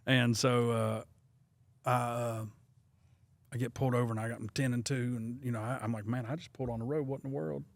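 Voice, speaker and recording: A man, a pastor hosting a podcast and excitedly retelling a story at his own expense. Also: medium pitch, brisk, vocal fry, no room sound. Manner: self-deprecating, excitable retelling. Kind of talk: casual storytelling.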